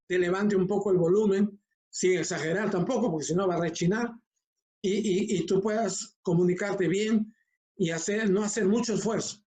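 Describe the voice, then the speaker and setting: An older man, a homiletics professor, teaching an online class in a calm, conversational way, speaking from a short distance to a laptop mic. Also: high-pitched.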